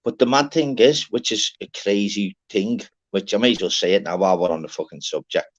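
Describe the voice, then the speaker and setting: A man's voice: lowish voice, a little fast. Rambling Scouse man, dull lo-fi sound. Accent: Liverpool. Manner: rambling, repetitive, broken-up sentences. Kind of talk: casual sweary banter. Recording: dull lo-fi audio.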